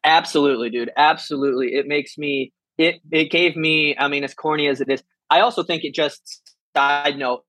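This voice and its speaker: A man's voice: on the high side, fairly even intonation, moderate pace, pushed and bright, no room sound, low-quality recording. A man in his twenties, a comedian and military veteran, talking casually and rambling with many restarts and free swearing. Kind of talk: casual podcast conversation.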